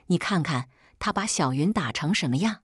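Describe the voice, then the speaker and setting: A woman's voice: deep voice, lively intonation, normal speed, husky, dry recording, studio quality, exaggerated voice. Woman playing a cold, scolding schoolteacher. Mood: angry. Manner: sharp, cold and lecturing. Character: harsh scornful female homeroom teacher. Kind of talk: storybook reading.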